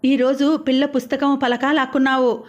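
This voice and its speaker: A haughty old matriarch, read by a woman narrator, lashes out in a high, sharp voice. She scolds with class pride, storybook style. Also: flat delivery, moderate pace, highs cut off, lightly acted. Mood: scolding. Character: scolding older woman, household's mother-in-law.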